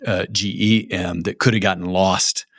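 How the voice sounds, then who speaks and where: A man's voice: low-pitched, fairly even intonation, normal speed, fairly bright tone, no room sound, clean studio sound. A man hosting a business podcast, reflecting on what his guest said and asking follow-up questions. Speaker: podcast host. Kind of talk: interview hosting.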